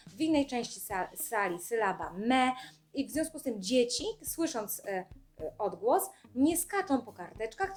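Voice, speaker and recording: A young adult woman speech therapist calmly explaining classroom games in an instructional video, speaking clearly with short pauses. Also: medium pitch.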